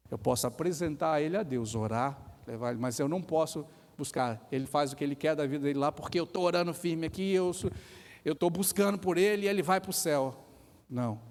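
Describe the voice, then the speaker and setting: Brazilian pastor preaching in an echoing church. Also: male voice, fairly high pitch, darkish tone. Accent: Brazilian Portuguese. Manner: emphatic, rhetorical questions, acts out quoted voices. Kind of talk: sermon. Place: church hall. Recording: reverberant church hall.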